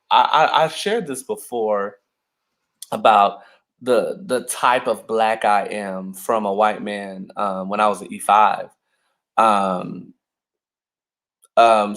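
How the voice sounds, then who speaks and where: Animated male podcast co-host. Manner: animated, acts out quotes with big pitch jumps. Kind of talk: casual storytelling chat.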